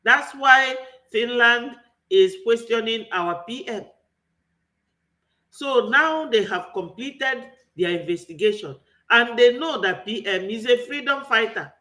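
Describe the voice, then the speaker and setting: A man's voice: very high voice, lively intonation, slow, bright, forceful tone. A man with a Nigerian accent giving an impassioned political commentary, full of rhetorical questions. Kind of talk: online political commentary monologue.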